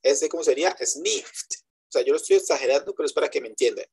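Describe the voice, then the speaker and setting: Male English teacher, web lecture, husky tone, patient step-by-step explainer, switches between Spanish and English examples. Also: a little high, very fast, a little mellow. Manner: explains step by step, keeps checking with students. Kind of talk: online class lecture. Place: web conference.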